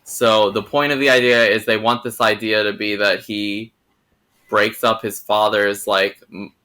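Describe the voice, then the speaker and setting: A young man hosts a casual film review chat. He rambles and hedges, often restarting his sentences. His voice is bright and forward. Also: fairly low pitch, level tone, measured pace. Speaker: host.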